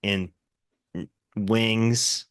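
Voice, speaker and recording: A man's voice: on the low side, flat delivery, extremely slow, a bit bright, smooth, dry recording, clean studio sound. A man co-hosting a podcast, chatting casually about films and hesitating often with "uh" and "like". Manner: hesitant, filler-heavy, with many "uh"s and "like"s. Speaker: podcast co-host. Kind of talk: casual film discussion.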